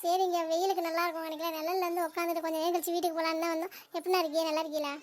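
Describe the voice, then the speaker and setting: A woman voicing Meena, a sharp-tongued young wife, high and rapid. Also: flat delivery. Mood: friendly. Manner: fast, teasing, talkative.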